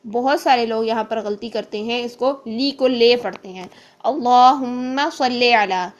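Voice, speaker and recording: A woman teaching Quran reading, explaining patiently and slowing down to show each sound. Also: fairly high pitch. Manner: patient, repeats points, slows to demonstrate sounds. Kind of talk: explanatory lesson with recited examples.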